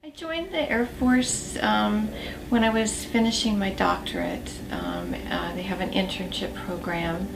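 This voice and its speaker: Gravelly woman air force veteran, echoey. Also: mid-range voice, measured pace, music in the background. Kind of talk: interview testimony. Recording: echoey, distant, noisy room.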